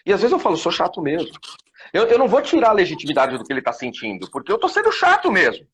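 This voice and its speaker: A man's voice: high voice, huge pitch swings, rapid-fire, fairly bright tone, slight background noise. A middle-aged father in a casual live chat, reflecting on raising kids with many fillers and restarts. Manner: reflective, talks about parenting with many fillers. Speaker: guest.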